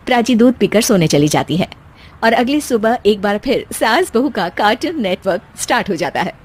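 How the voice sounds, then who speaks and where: A woman reading scripted narration for an animated family story. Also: medium pitch, normal speed, breathy edge.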